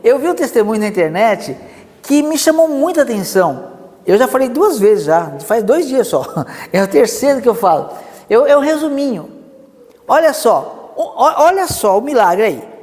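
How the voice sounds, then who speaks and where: A Brazilian man preaching a sermon, telling a story with lively asides. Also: extremely high pitch, normal speed, long reverb tail. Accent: Brazilian Portuguese. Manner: animated storytelling with many asides.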